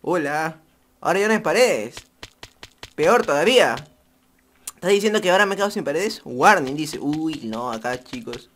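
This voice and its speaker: A man's voice: fairly high pitch, animated, moderate pace, a bit bright, a little hiss or hum. A young man with a Peruvian Spanish accent, playing a horror game and commenting for viewers, jumpy and joking. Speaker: gaming youtuber. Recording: faint music behind voice.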